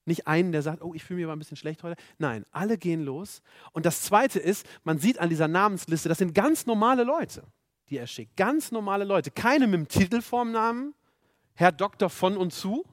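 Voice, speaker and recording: Brief: male preacher, fairly high voice, earnest and emphatic, dry close recording. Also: lively intonation, moderate pace, no room sound. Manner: earnest, emphatic, repeats rhetorical questions. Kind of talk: sermon.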